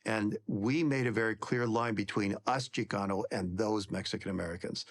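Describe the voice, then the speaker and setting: A man in an interview explaining history in a measured, lecturing way. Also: fairly low pitch.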